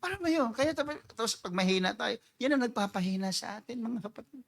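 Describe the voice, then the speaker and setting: High bright-voiced Filipino-style preaching man. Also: expressive, fast, vocal fry. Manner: mixes Tagalog and English, mimics people's prayers for effect; swings from quiet reading to loud emphatic preaching. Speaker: pastor. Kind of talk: sermon.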